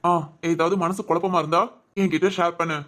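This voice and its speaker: A woman's voice: fairly low pitch, fairly even intonation, a little fast, lightly acted. A woman doing a caring, teasing older brother. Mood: reassuring. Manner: gentle, coaxing, affectionate teasing. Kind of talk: cartoon voice acting.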